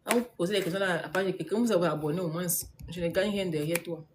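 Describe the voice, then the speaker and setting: A woman's voice: on the low side, fast talker, background noise. Emphatic woman coaching on a live stream. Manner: emphatic and repetitive, laughs often; mixes English words into her talk. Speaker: business coach. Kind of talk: casual live-stream coaching, answering viewer comments.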